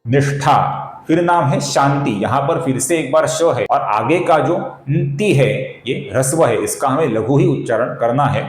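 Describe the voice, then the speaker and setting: A man teaching the correct pronunciation of Sanskrit verses, explaining each sound slowly and repeating syllables, addressing viewers as friends, with verses chanted in a measured way. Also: mid-range voice, expressive, echoey room, rough recording. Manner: slow, careful, repeats syllables for precise pronunciation. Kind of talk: explanatory lesson with slow chanting.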